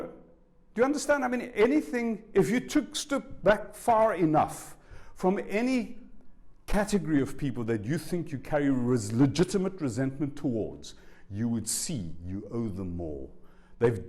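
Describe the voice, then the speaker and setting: A South African man in his sixties, whose first language is Afrikaans, speaks in a voice on the high side. He is a spiritual teacher lecturing a live audience in a university lecture room, animated and conversational, often posing rhetorical questions to the listeners.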